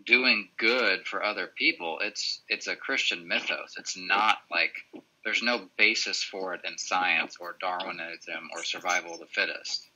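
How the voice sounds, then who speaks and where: Man, book club leader, low voice, very bright tone, video call. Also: unhurried, highs cut off. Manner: asks follow-up questions. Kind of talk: casual group discussion.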